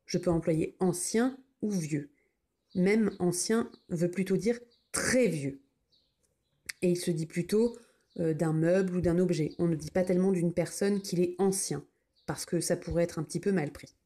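Patient, mellow-voiced French teacher woman. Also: fairly low pitch, slightly rough. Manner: patient, slow and deliberate, spells words out letter by letter. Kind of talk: spelling lesson for children.

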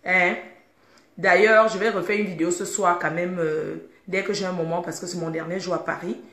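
A woman's voice: fairly low pitch, fairly even intonation, normal speed, fairly bright tone. Just-woken woman vlogger, groggy and chatty, talking to viewers from bed in a roomy space. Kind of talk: casual live video chat. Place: bedroom, indoors. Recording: echoey room.

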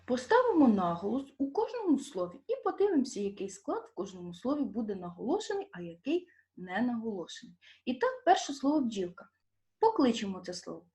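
A woman teaching a primary school lesson with a Ukrainian accent, asking young children questions and stretching out stressed syllables slowly and clearly. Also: on the high side, big pitch swings, dark tone.

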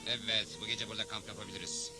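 A man's voice: on the low side, flat delivery, rapid-fire, music in the background, lightly acted. A man playing a confident, easygoing cowboy hero in a cartoon dub, polite and self-assured. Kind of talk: dubbed cartoon acting.

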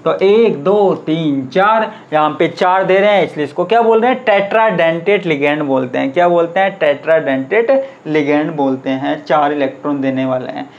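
Male chemistry tutor, somewhat high voice, drills terms by call and answer, dull lo-fi sound. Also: measured pace, hardly any pauses. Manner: asks the class questions and answers them himself, repeating key terms. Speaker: chemistry teacher. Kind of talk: classroom lecture.

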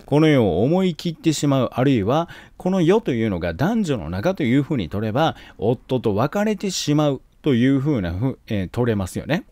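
A man's voice: medium pitch, normal speed, few pauses, no echo. A man teaching an exam-prep lesson on classical literature with a Kansai accent, joking and acting out scenes as he explains. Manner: joking, animated, acts out scenes.

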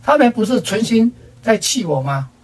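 A woman's voice: fairly high pitch, very animated, moderate pace, a little mellow, slightly rough, pitched above the performer's own voice. A woman playing a pampered, haughty official's wife who complains in a whiny, indignant way. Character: haughty, petulant official's wife, middle-aged.

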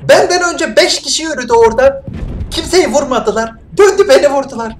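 A gameplay streamer commenting live, swinging between shouted bursts and muttered asides, joking around with mock-Italian phrases. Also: high voice, a little fast.

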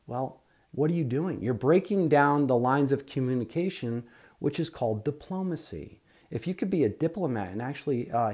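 Animated, husky-voiced man preaching. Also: mid-range voice. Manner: animated, preachy, rambling with asides. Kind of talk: opinion monologue on faith.

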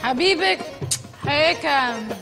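A woman's voice: high-pitched, lively intonation, a little slow, creaky, bright, forceful tone, faint music behind. A woman with an Egyptian accent acting in a comedy sketch, scolding and exasperated. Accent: Egyptian Arabic.

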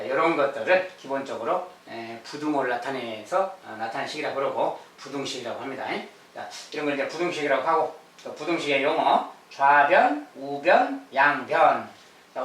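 A man's voice: medium pitch, animated, a bit bright. Guy teaching math, draws out the key bits, says "ja" a lot, echoey room, faint background hiss. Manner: drawn-out, repeats key phrases slowly; frequent "ja" and "ye" fillers. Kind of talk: lecture. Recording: echoey room, mic at a distance.

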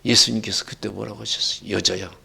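A male pastor preaching a sermon, with sudden loud rising bursts and quoted dialogue. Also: lowish voice, steady tone, fast, vocal fry, a little hiss or hum.

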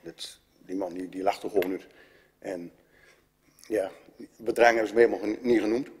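A man's voice: lowish voice, steady tone, darkish tone, slightly rough. A man, a resident speaking hesitantly at a council debate, stumbling and restarting often. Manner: hesitant, halting, many restarts. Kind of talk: unscripted public statement. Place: council chamber. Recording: reverberant council chamber.

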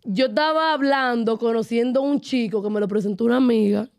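A young woman with a Dominican accent tells a story with animated energy. Her voice sits high and her talk comes in quick bursts, loose and chatty. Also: vocal fry. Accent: Dominican Spanish. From Dominican Republic. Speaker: podcast co-host. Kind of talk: casual chat.

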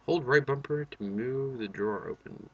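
Bright, forceful young man gaming. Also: medium pitch, normal speed, lo-fi sound, slight background noise. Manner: sweary, joking, reactive. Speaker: gaming video host. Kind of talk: casual let's play commentary.

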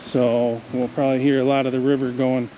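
A man's voice: mid-range voice, level tone, a little fast, dark tone, highs cut off, a little hiss or hum. Easygoing man narrating a forest hike. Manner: easygoing, musing aloud. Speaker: hiking vlogger. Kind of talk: casual commentary on a hike. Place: outdoors on a forest trail by a river. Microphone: action camera held or worn.

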